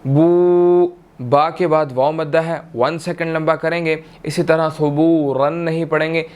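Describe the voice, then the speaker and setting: Man, Pakistani Urdu accent, Quran tajweed teacher, slightly high voice, smooth and clear, long drawn-out chanted recitation. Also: little pitch movement. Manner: drawn-out melodic recitation of verses, then brisk explaining with frequent "theek hai". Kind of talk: tajweed lesson, slow chanted recitation then quick explanation.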